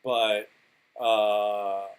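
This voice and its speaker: A man's voice: fairly low pitch, little pitch movement, very slow, clean tone, rough recording. A man talking casually as a podcast guest, a DJ and producer who rambles through stories and swears freely. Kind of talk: casual interview chat.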